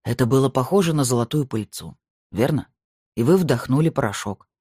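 A stern male medium, played by an audiobook reader, speaks slowly in curt, grim sentences. His tone is warm and husky. The recording is dry and close. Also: mid-range voice, lively intonation, no room sound. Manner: slow, clipped and curt. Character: stern bearded male medium, weary and tense.

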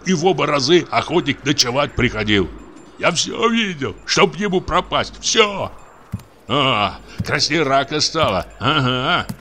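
A man's voice: mid-range voice, pushed and bright, a little hiss or hum, voice pushed up. A man voicing a superstitious village church sexton who grumbles, whines and hurls accusations. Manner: whining, accusing and frantic.

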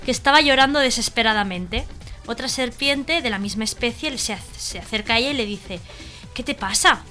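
A woman's voice: fairly high pitch, brisk, bright, forceful tone, soft background music. A woman telling short jokes on a radio humor show. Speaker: radio comedy co-host.

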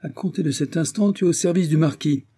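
An eager young diplomat speaks briskly in an audiobook, voiced by a male reader. His voice is a bit raised from the reader's low, dark tone. It stays husky.

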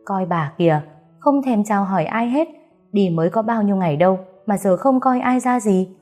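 A woman's voice: mid-range voice, expressive, moderate pace, dark tone, faint music behind, natural voice. A woman voicing a sarcastic young woman in an audiobook, mocking and snide.

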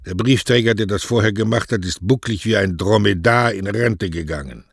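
A grumpy, lazy older postmaster, voiced by a man reading aloud, blunt and sour in every word. His voice is low and rather deep. It is recorded dry and close, like a storybook. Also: moderate pace, creaky, husky, no echo. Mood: grumbling.

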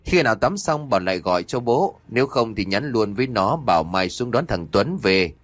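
A stubborn old village grandfather in a horror audiobook, brusque and scolding, as a male narrator puts him on. The voice sits low and moves with lively intonation. It is recorded dry and close. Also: brisk, no echo. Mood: gruff.

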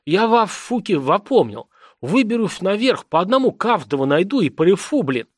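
A man's voice: high-pitched, big pitch swings, moderate pace, dry recording, clean studio sound, voice pushed up. A man reading an audiobook, voicing a toothless, lisping, vengeful cave dweller who hisses his threats. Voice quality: lisping, hissing through missing teeth.

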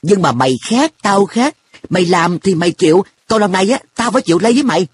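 A man voicing an earnest, quick-tempered schoolboy in a storybook reading, speaking with a raised, indignant boyish tone. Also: fairly high pitch, expressive, slightly rough.

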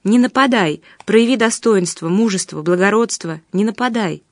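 A calm, grave man speaks in a steady, measured way, read by a woman in an audiobook. The recording is dry and close. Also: medium pitch, no room sound, lightly acted. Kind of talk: audiobook reading.

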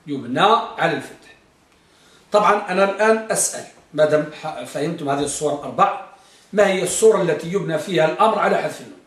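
A man teaching grammar to a class, dictating slowly, repeating phrases and quizzing his students. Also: fairly high pitch, fairly bright tone. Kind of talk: classroom lesson. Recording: echoey room from far off.

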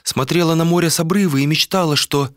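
A man's voice: a little high, fast talker, dry recording, clean studio sound, pitched above the performer's own voice, lightly acted. A man voicing an inquisitive, persistent young woman in an audiobook. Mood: dreamy. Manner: probing, persistent.

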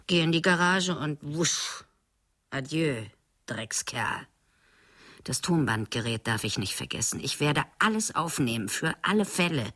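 An actress in a radio play voicing a young housemaid's slow inner monologue, at times breaking into agitated outbursts. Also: female voice, sits low, a bit bright, exaggerated voice. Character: young housemaid, frightened and frayed. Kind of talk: radio drama narration.

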